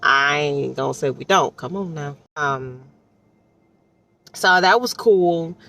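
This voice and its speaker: Speaking low, slowly and expressively, this Detroit woman has a creaky yet bright voice and a forceful tone. She reviews audiobooks with an American accent in loose, slangy, rambling talk packed with asides, recorded on a distant mic with faint background noise.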